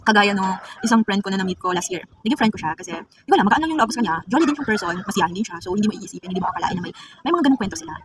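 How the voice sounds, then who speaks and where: Very fast-talking young woman vlogger. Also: mid-range voice, animated, far from the mic, background noise. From Philippines. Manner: chatty, confiding, addresses viewers as girl. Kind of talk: casual confessional vlog.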